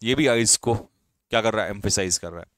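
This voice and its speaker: A young male English teacher with a somewhat low, slightly bright voice teaches grammar in a classroom lecture, captured in a dry recording. He explains in Hindi, answers the questions he poses, and reads English examples slowly and with emphasis.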